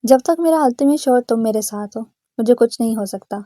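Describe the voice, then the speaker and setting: A woman voicing a frail, kind elderly grandmother who speaks gently and soothingly. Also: fairly high pitch, no room sound, studio quality, natural voice. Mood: gentle.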